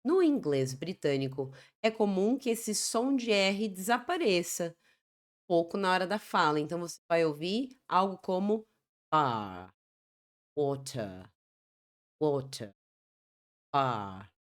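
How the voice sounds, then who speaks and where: Teaching English through Portuguese, a Brazilian-accented woman explains the material and says example words again slowly. Her voice is medium-pitched and expressive.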